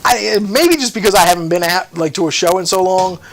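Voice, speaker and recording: A man's voice: high voice, a little fast. A man from co-hosting a casual podcast chat, telling rambling stories with many restarts. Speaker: podcast co-host.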